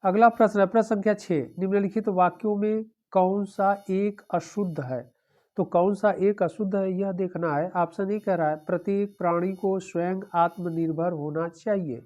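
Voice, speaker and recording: A woman's voice: mid-range voice, fairly even intonation, moderate pace, mellow. A woman teaching an exam-prep lesson, going through the answer options one by one and repeating them, with a frequent "okay".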